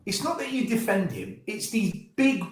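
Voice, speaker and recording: Exasperated man ranting in a high, echoey voice. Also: huge pitch swings, normal speed. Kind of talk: heated football fan debate. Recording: roomy echo, noisy background.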